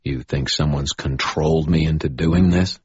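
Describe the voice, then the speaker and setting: A man's voice: rumbling low, fairly even intonation, moderate pace, breathy edge, no echo, highs cut off. A man voicing the first-person hero in dialogue, tense and pleading. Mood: urgent. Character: urgent young man pleading for help.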